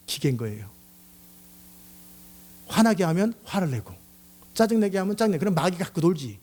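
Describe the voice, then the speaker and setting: A middle-aged male pastor preaching a sermon, acting out angry outbursts and jokes as he goes. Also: high-pitched. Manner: animated, acts out angry outbursts and shouts.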